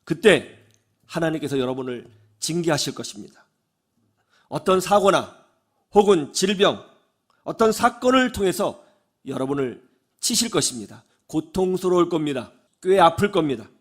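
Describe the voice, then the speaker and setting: Animated high-voiced preacher. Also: male voice, moderate pace. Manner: animated, questions the congregation. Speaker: pastor. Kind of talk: sermon.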